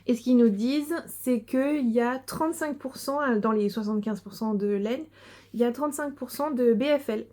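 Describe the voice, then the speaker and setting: Chatty higher-voiced woman crafter. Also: normal speed, warm tone. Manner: chatty, hesitant with many fillers, giggly. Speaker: knitting and sewing podcaster. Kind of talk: casual video chat showing crafts.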